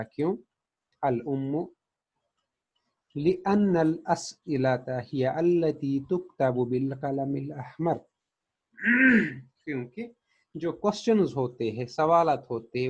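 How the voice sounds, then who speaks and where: Husky-voiced man teaching a grammar lesson. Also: medium pitch, dull audio. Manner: patient, repeats each example, then translates it. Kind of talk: explaining a lesson.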